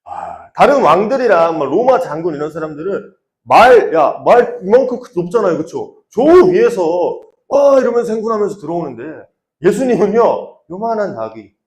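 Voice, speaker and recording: A man preaching a sermon to teenagers as youth pastor, lively, calling for responses and acting out the crowd's cries. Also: high-pitched, moderate pace. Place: church youth room. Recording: roomy church room.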